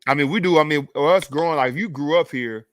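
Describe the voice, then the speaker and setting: A man's voice: a little high, quick pace, dry recording. A man with a light Texan accent talks easily and at length. He hosts a casual show and keeps wandering off into side stories. His voice is close and dry, with no room around it. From Texas, Fort Worth. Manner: relaxed, rambling, reads viewer comments aloud. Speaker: podcast host. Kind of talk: casual chat.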